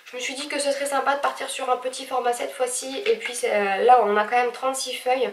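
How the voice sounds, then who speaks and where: A woman with a blocked nose, talking a bit higher than most and hesitating often. She sounds set back from the mic, her voice echoing in a room with faint noise behind it. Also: little pitch movement, fast talker, far from the mic. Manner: chatty, many hesitations, gushing. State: stuffy nose, speaking with effort. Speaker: vlogger. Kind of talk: casual haul video.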